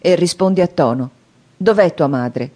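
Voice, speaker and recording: A woman reading an audiobook, voicing a menacing, hungry male convict who makes loud threats. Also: fairly low pitch, lively intonation. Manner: loud, threatening, drawn-out demands.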